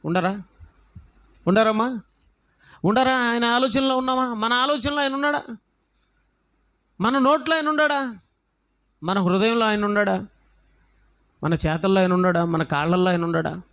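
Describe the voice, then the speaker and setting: A male pastor, preaching a sermon through animated storytelling and repeated rhetorical questions. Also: sits high, moderate pace, pauses often. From South India.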